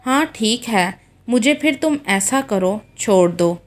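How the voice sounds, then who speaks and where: A woman's voice: on the high side, animated, slow. A woman voicing a young wife, pleading and accusing in a read-aloud story. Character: young wife, jealous and heartbroken.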